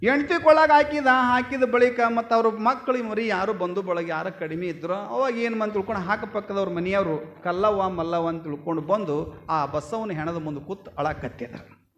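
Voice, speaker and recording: A man giving a storytelling sermon as a swami, swinging between loud exclaiming and low murmuring. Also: moderate pace. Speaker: swami preacher.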